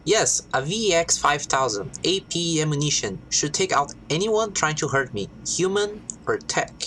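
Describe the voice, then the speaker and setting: A woman's voice: deep voice, animated, normal speed, fairly bright tone, a little hiss or hum. A woman reading out the lines of a worried robot commuter on a train, in a plain reading voice. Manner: plain reading of game dialogue.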